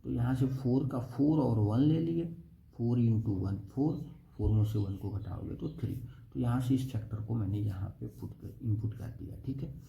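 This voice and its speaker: A young man teaches a math lesson step by step, constantly asking the class "okay?" His mid-range voice has vocal fry and a dark tone at normal speed, recorded in an echoey room with faint noise.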